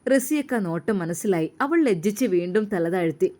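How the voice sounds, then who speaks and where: Woman narrator, gentle storytelling, mellow tone, middle pitch. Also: lively intonation, a little fast. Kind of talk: scripted narration.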